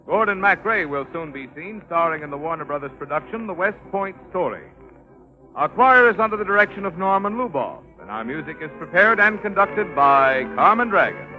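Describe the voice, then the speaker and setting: A male radio announcer giving a formal sign-off in a crisp, measured delivery, heard off an old broadcast disc. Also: on the high side. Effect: old broadcast disc sound. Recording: dull lo-fi 1950 radio transcription with music behind.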